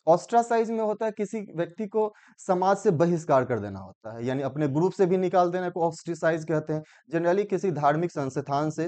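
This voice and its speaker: An Indian man teaching English vocabulary for exam prep, reading definitions slowly and explaining them in Hindi. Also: a little high, mellow.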